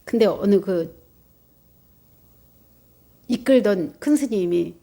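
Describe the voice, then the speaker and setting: A woman Buddhist nun giving a dharma talk, telling a personal story in a lively way, acting out quotes with gasps. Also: mid-range voice, slow, vocal fry. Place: meditation center.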